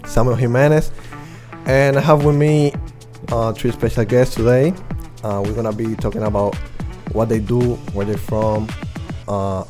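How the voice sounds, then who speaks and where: A young man hosting a student podcast, interviewing guests with a hesitant delivery full of filler sounds. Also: fairly low pitch. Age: young adult. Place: media studio.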